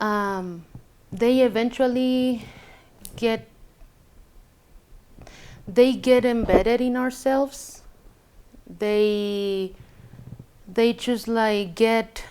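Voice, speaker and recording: A woman from Chile, a native Spanish speaker with a Chilean Spanish accent, tells a personal story as an interviewee in a casual, reflective way. Her voice is a little high and a little mellow, clear and resonant, and she sometimes hesitates while searching for English words.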